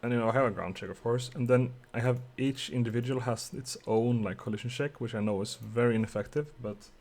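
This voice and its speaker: A man's voice: medium pitch, fast, a little mellow. A young man from Sweden with a Swedish accent, chatting casually with viewers and muttering to himself while he codes a game on a live stream.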